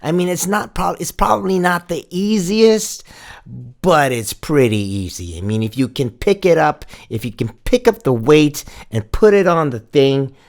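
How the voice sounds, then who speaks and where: A man's voice: fairly high pitch, expressive, normal speed. A man from Hawaii doing a casual fitness vlog, with a sarcastic, exasperated tone. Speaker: fitness vlogger.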